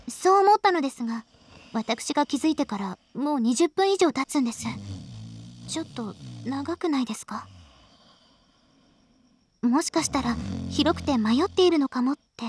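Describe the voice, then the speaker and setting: High-voiced, refined young heiress. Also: female voice, a little hiss or hum. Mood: hushed, polite. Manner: formal, ladylike polite speech. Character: refined, proud teenage rich-girl heiress, polite and earnest. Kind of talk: Japanese visual novel game acting.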